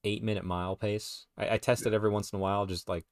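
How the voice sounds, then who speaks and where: A man co-hosting a podcast, chatting casually, rambling with restarts and quick laughs. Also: lowish voice, level tone, clear, resonant tone, dry recording, studio quality. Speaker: podcast co-host. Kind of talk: casual chat.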